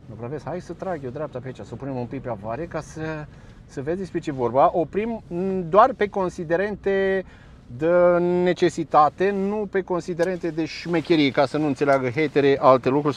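A man giving chatty, sarcastic commentary straight to his viewers while standing beside a busy road. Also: on the high side. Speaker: local vlogger. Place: roadside by a busy road, outdoors. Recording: faint outdoor traffic noise. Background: passing traffic and trucks.

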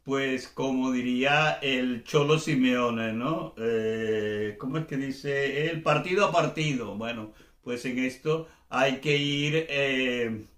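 A man's voice: mid-range voice, takes it slowly, a bit bright, reverberant. A man teaching a casual video lesson, rambling with many fillers, restarts and self-corrections. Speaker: language teacher.

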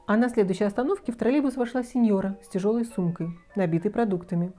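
Woman reading a kids fairy tale, warm mellow voice, faint music under it. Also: medium pitch, fast. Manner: expressive, lively storytelling. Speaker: storyteller.

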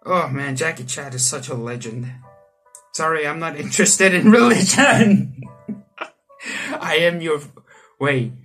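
Pausing often and moving a little slowly, the young South African let's player reads a visual novel aloud in a small indoor room, rambling casually and cracking jokes. His voice sits on the high side, slightly bright and husky, with faint music behind him.

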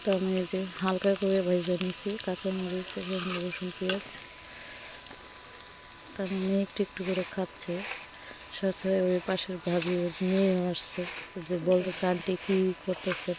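Hoarse young mum, chatty while she cooks, frying sizzle loud behind her. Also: on the low side, completely flat delivery, heavy background noise. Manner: chatty, unhurried, talks while she works. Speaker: cooking vlogger. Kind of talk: casual cooking vlog narration. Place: home kitchen at the stove, earlier out on the street.

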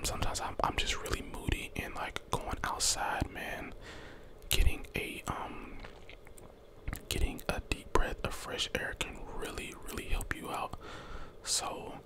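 Young American man, whispered ASMR pep talk, breath-only voice, close mic, encouraging, slangy, informal. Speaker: ASMR content creator. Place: small bedroom, indoors. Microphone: close handheld desk condenser microphone.

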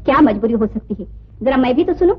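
A woman's voice: fairly high pitch, expressive, quick pace, a little hiss or hum, natural voice. An actress playing a proud young woman who sharply scolds her younger brother, in 1950s film acting. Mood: reproachful. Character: proud reproachful elder sister, young woman. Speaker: elder sister. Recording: dull old film soundtrack.

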